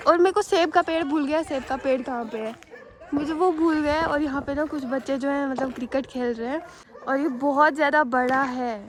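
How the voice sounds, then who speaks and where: High-voiced chatty woman vlogger. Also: steady tone, normal speed. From Jammu and Kashmir, India. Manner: chatty, rambling, addresses viewers as "guys". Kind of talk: casual vlog storytelling to viewers. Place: outdoors on a rooftop and at a school ground.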